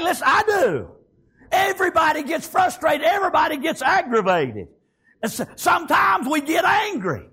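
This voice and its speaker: Extremely high in pitch and a bit bright, the man's voice also carries vocal fry. He has a Southern American accent and preaches a passionate revivalist sermon in a folksy, colloquial manner, peppered with praise exclamations.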